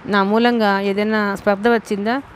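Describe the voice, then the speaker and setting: Woman narrator voicing a young man, gentle, protective, soft coaxing tone, audiobook novel. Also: mid-range voice, little pitch movement, moderate pace, slight background noise, lightly acted. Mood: soothing.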